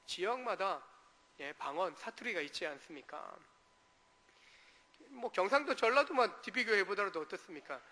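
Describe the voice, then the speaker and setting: A man's voice: sits high, animated, moderate pace, pauses often, bright, forceful tone, big-room sound. A male pastor delivering a sermon, asking the congregation rhetorical questions and briefly acting out dialect quotes. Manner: acts out short dialect quotes. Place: church sanctuary.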